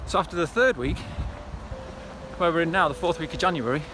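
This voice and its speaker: Out running on a hillside trail near reservoirs, a vlogger keeps up a casual, encouraging chat with his audience. His voice is on the high side, he speaks briskly, and the background is noisy.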